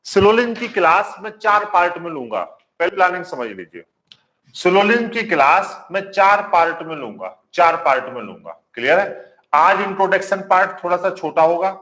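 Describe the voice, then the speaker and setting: High-voiced Hindi-speaking male teacher. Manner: repeats points and quizzes the class; warm greetings to viewers. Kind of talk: live online reasoning class. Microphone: marker on whiteboard.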